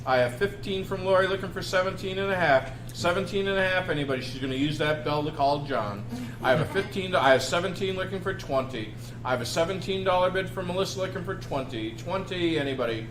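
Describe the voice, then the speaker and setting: A man's voice: high-pitched, animated, fast. A man working as an auctioneer, calling out bids in repeated phrases with folksy banter in between. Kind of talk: auctioneer calling bids, repetitive chanting of prices. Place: indoor auction room. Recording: echoey room with faint background noise.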